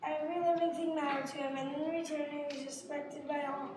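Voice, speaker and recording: A very reverberant stage-play recording picked up from a distance. A woman plays a young prince, kind and determined, in a high voice with earnest, declarative lines. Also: flat delivery, fairly quick, natural voice. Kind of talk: amateur stage play acting. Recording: echoey noisy hall, distant mic.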